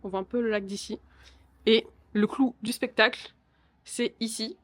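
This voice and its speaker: A young Frenchwoman with a fairly high, bright voice talks at a moderate, steady pace in a casual travel vlog shot on a handheld camera. She's chatty and bubbly, filling her speech with "euh" and gushing "trop bon," filming both outdoors and in a hotel room by a lake.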